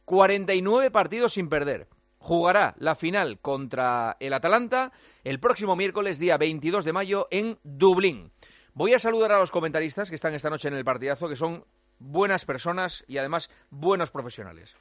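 A man's voice: fairly high pitch, expressive, normal speed, a bit bright, no room sound. A man with an accent from Spain, hosting sports radio with conversational round-ups and banter.

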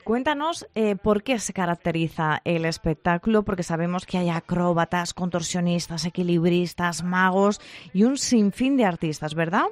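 A woman's voice: on the low side, normal speed, no echo. A woman radio host, presenting and interviewing a guest in a chatty way with leading questions.

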